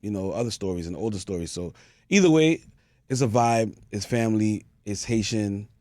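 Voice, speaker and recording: A man's voice: lowish voice, moderate pace, warm tone, no room sound. A man who works as a DJ, talking laid-back and rambling, with many fillers. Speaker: DJ, guest. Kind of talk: conversational interview.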